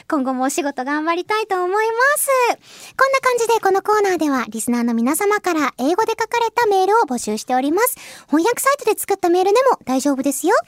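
A high-pitched woman from Hiroshima, Japan, hosts a solo radio show and reads listener mail, sounding bright, cheerful and friendly. She's a radio host and voice actress with a Japanese accent in English, where she goes slow and careful, though she's brisk in Japanese. Studio-quality audio from a close microphone, with no room sound.

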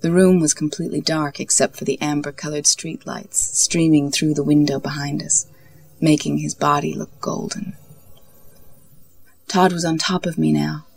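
A woman narrating an intimate story in a soft, slow, breathy voice, often near a whisper, with a husky tone. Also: low-pitched, a little hiss or hum. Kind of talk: intimate scripted story reading.

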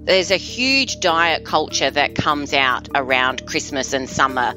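A woman's voice: sits low, animated, a little slow, sharp tone, soft background music. An Australian woman in her forties, a podcast guest, candidly telling her personal experience. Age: 40s.

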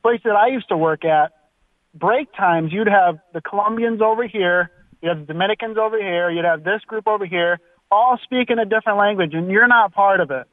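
A man's voice: sits high, a little fast, no room sound. A male caller to a talk radio show, worried and rambling, often restarting his sentences. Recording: tinny phone line.

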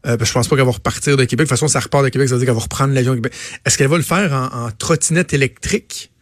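A man's voice: medium pitch, racing, dry recording, studio quality. A man with a Quebec French accent, co-hosting a radio show and bantering casually, joking and telling stories. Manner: joking storyteller, bursts into put-on voices. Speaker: radio co-host.

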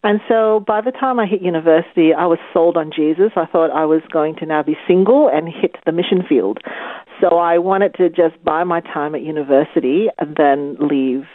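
This Malaysian woman in her forties, a clinical psychologist, is interviewed by phone about her personal story, and the line sounds tinny. She has a low voice, a moderate pace and no echo, reflecting carefully while dropping in fillers and little laughs.

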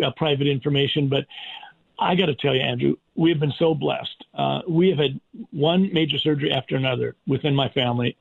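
An American man giving earnest, deliberate and emphatic answers as a radio interview guest, in formal wording. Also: medium pitch, creaky. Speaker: interview guest, doctor and politician. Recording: tinny phone-like line.

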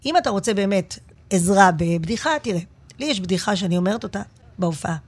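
A woman comedian chatting as a guest in a radio studio, telling stories in an animated, expressive way. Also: mid-range voice, slightly rough. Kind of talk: casual interview chat.

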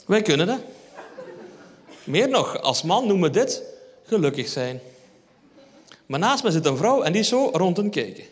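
High-voiced Flemish man doing stand-up. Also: very animated, moderate pace, pauses often, husky. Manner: wry, storytelling, addresses the audience. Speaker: stand-up comedian. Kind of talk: stand-up routine. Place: theatre hall on stage. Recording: reverberant live hall.

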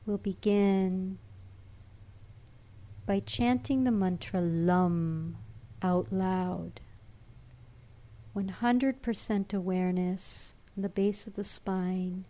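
A woman leading a guided meditation as a teacher, in a soft, breathy, soothing delivery. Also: mid-range voice, steady tone, slow pace, long pauses.

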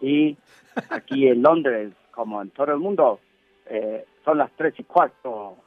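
Man putting on a halting foreign correspondent, phone line. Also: mid-range voice, no room sound. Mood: mock solemn. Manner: halting, stammering, repeats words. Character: bumbling male British correspondent with halting, accented Spanish. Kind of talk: comic mock radio news report. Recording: thin phone-like line, music behind.

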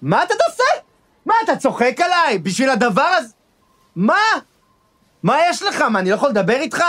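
A flustered, stammering director. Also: male voice, animated. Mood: pleading. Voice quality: stammering, voice climbs high when upset. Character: flustered insecure male director, pleading and stammering. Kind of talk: scripted comedy audio drama.

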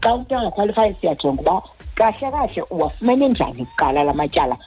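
A woman's voice: lowish voice, sing-song, racing, dark tone, husky. A woman with a South African Xhosa accent explaining things as an official in a radio interview, slipping into English phrases. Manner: code-switches into English phrases. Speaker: consumer credit ombud representative.

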